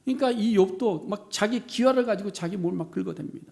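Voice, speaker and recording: A man preaching a sermon as pastor of a church, animated and dramatic, voicing the complaints he quotes. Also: fast, vocal fry. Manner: animated, acts out quoted laments with rising pitch and volume.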